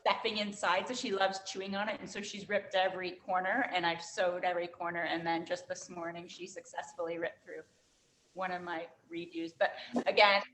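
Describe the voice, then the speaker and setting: A woman's voice: on the low side, level tone, brisk, fairly bright tone, low-quality recording. A woman dog owner in a training class, telling rambling stories about her puppy's habits. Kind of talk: casual chat.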